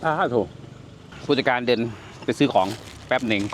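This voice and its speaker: Older man, chatty cooking host, mid pitch, faint vehicle noise behind. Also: normal speed. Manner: chatty, exclaims over food while tasting. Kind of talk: casual cooking and tasting talk.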